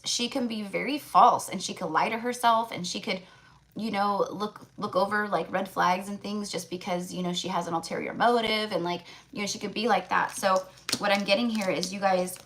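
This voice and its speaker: A woman's voice: medium pitch, vocal fry, a bit bright. A woman hosting a live tarot reading in a casual, rambling way, repeating phrases for emphasis and often checking in with listeners. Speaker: tarot reader, livestream host.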